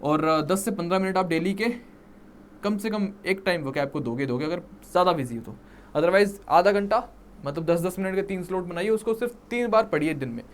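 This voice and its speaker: A man's voice: high voice, animated, a little hiss or hum. A man with a Punjabi accent teaching English vocabulary for an exam, mixing Hindi and English and often checking in with his students. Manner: mixes Hindi and English, checks in with "ठीक है?" and "right?"; repeats words slowly for emphasis. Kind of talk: exam-prep vocabulary lecture.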